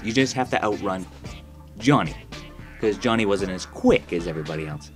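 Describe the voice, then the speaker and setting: A man's voice: deep voice, expressive, normal speed. A young man giving crude, sarcastic gameplay commentary in a laid-back storytelling manner. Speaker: gaming commentator. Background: faint background music.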